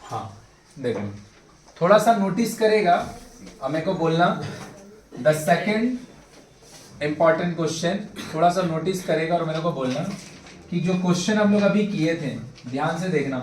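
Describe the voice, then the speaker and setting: A man's voice: a little high, measured pace, pauses often, recorded from a distance, a little hiss or hum. A young man teaching math to a class, coaxing and drilling his students with lots of repetition. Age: young adult. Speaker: tutor. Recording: echoey classroom.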